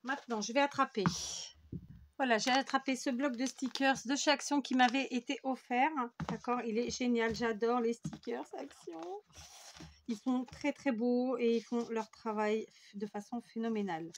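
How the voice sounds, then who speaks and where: A woman's voice: fairly high pitch, fairly even intonation, normal speed, slight background noise. A woman from France hosting a scrapbooking tutorial, rambling and self-mocking as she works at her craft table. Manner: rambling and self-mocking, talks while working. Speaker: scrapbooking video host.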